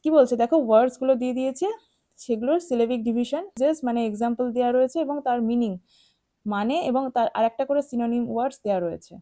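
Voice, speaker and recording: A woman teacher explaining English words to young pupils, spelling them out and repeating them slowly. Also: a little high, mellow.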